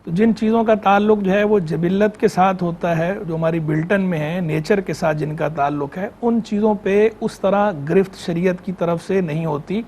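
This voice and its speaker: A man Islamic scholar on a live call-in show, explaining religious rules in a measured way and repeating key terms. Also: high voice, steady tone, darkish tone, a little hiss or hum. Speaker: Islamic scholar answering on air. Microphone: remote line into studio.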